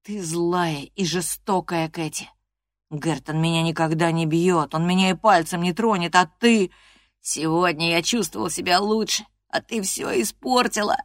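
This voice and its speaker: A woman's voice: on the low side, moderate pace, no room sound, clean studio sound, lightly acted. A woman reading an audiobook voices a sickly, spiteful teenage boy who whines and taunts. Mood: sulky. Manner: whiny and taunting.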